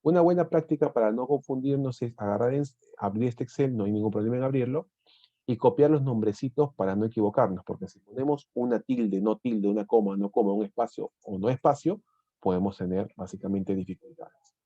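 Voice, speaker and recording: Man, tutorial instructor, dark mellow tone, dry close sound, step-by-step explanations. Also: fairly low pitch, brisk, no echo, muffled recording. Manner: explanatory, repeats and restarts words, checks in with "¿sí?". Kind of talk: screen-recorded software tutorial.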